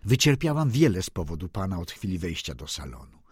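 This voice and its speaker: Tender pleading young noblewoman, man reading her, husky voice, swings up and down a lot. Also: low voice, big pitch swings, fairly quick, no echo, studio quality, voice pushed down, full character voice. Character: tearful gentle young noblewoman. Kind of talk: audiobook reading.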